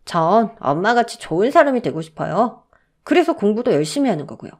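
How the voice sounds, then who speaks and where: A woman's voice: medium pitch, sing-song, brisk. A woman voicing a polite devoted young son. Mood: earnest. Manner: gentle, polite.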